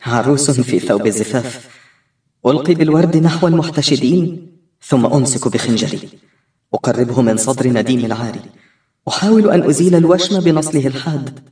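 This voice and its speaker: A man reading an audiobook as a first-person narrator, expressive and tense. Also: mid-range voice, fairly quick. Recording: roomy, distant-miked recording.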